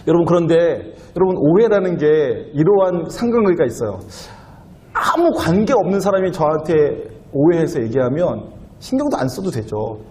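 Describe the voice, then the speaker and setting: A man's voice: on the high side, very animated, moderate pace, a little mellow. A young adult male pastor giving a sermon in a conversational way, asking the listeners questions and acting out quoted lines in a raised voice. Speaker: youth pastor.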